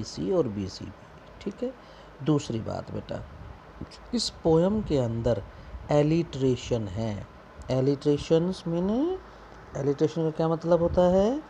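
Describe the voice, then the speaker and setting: A man, teaching slowly and patiently, with a lively pitch that rises and falls. His voice is mellow, and there is a faint hiss of noise behind him. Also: gravelly. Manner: slow, reads English lines then explains in Hindi, quizzes students. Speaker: English teacher. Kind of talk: explaining a poem to students.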